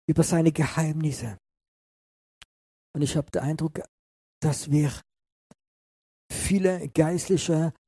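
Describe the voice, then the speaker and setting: Husky, dark-voiced male pastor preaching. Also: a little high, dry recording. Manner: earnest, impassioned preaching, often turning to address listeners directly. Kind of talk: sermon.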